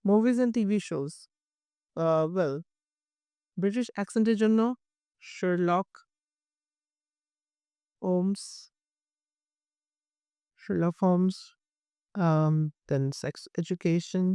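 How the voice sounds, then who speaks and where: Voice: medium pitch, extremely slow, pauses often, warm tone, smooth, dry recording. An IELTS teacher with a Bengali accent gives a bilingual lesson, explaining carefully and repeating example words to demonstrate them.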